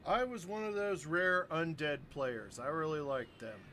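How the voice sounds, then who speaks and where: Male game streamer, slightly high voice, casual live commentary, clear game noise behind. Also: a little slow, pushed and bright.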